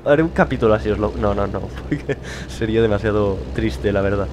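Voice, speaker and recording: A man's voice: on the low side, fairly quick. A young man with a Spain Spanish accent, rambling and joking at himself in casual let's-play commentary from a home studio. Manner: rambling, chatty, self-mocking, laughs often. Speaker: gaming YouTuber. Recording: loud driving game engine noise behind.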